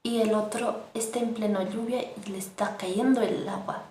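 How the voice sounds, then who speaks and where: A woman's voice: medium pitch, fairly even intonation, normal speed, mellow. A woman teaching Aymara words online, patiently repeating each one so learners can say it after her. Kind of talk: online language lesson. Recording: echoey room with faint noise.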